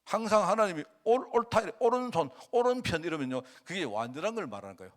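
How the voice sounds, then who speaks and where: A man's voice: sits high, sing-song, fast. A male pastor preaching a conversational sermon in a church, often asking the congregation rhetorical questions.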